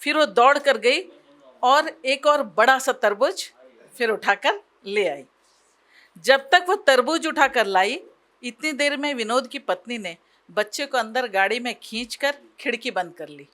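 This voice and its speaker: A woman telling an emotional story aloud in an expressive, dramatic way, pausing for effect. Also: a little high.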